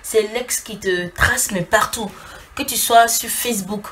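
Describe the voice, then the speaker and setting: Animated woman giving casual relationship advice. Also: on the high side, unhurried, a little hiss or hum. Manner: animated storyteller acting out little scenes; speaks directly to a female audience as "tu". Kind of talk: casual advice talk to camera.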